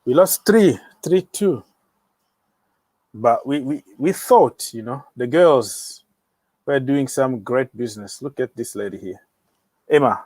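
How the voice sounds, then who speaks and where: A man's voice: mid-range voice, expressive, takes it slowly, pauses often, a little mellow, slightly rough, no room sound. A young man hosting a casual football livestream, joking around and talking straight to his viewers. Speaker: livestream host of a football channel.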